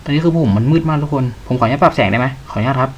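A man playing a horror game, swearing a lot and yelping when startled, sometimes reading game text aloud slowly. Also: medium pitch, dull audio, slight background noise. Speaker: gamer.

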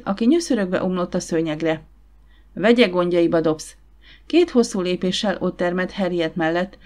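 A woman giving steady, measured audiobook narration. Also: fairly low pitch. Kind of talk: scripted narration.

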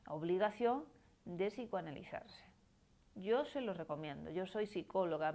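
A woman in her forties with a Málaga accent explains ideas on a live stream, reading out viewers' comments and answering them. Her pitch sits in a middle range. She talks in an explanatory way, often tagging her points with a questioning "¿no?". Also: a little mellow. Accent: Spanish from Málaga. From Spain. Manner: explanatory, tags phrases with questioning "¿no?". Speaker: psychoanalyst.

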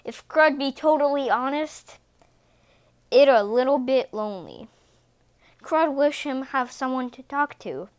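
A woman voicing a dim, gruff male cat villain who talks in blunt, broken caveman grammar in a read-aloud storybook. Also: high voice, expressive, measured pace.

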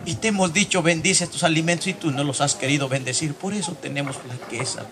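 A man from Latin America prays aloud in church with fervent pleading, his voice rising into cries. His tone sits a touch high for a man, and a clear hiss of noise runs under the recording. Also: fast. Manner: pleading, crying out, rising to shouts. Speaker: church member leading prayer. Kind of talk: fervent spoken prayer.

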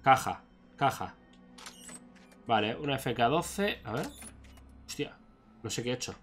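Bright-voiced man playing a game. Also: mid-range voice, animated, unhurried, faint music behind. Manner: thinks aloud, swears when surprised. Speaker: gaming YouTuber. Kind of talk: casual Let's Play commentary.

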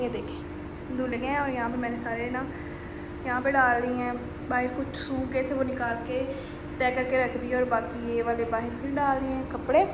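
Young woman, high voice, chatty home vlog, phone mic, noisy kitchen background. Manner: chatty, addresses viewers as guys, narrates chores step by step. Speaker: vlogger. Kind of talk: casual chatty vlog narration. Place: apartment kitchen and laundry area, indoors.

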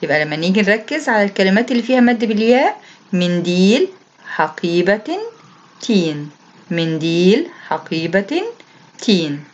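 This woman teaches Arabic at primary level and speaks with an Egyptian Arabic accent, her mid-range voice expressive and moderately paced over a lo-fi recording. It's a recorded lesson explanation for young pupils: she patiently reads out every task, then goes through it, repeating as she goes.

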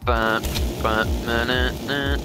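A man's voice: mid-range voice, fairly even intonation, slow. A young man in casual voice chat while gaming, with crude, swearing banter. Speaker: gamer teammate. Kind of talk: casual voice chat during play. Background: game music and gunfire.

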